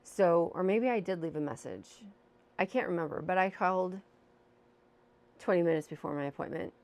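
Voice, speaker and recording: A woman's voice: on the low side, moderate pace, creaky, a little mellow. A woman telling a personal story in a casual, candid vlog, speaking into a microphone with a windscreen at home. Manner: chatty, candid, self-deprecating. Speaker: vlogger. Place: home room with a fan running. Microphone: new microphone with windscreen.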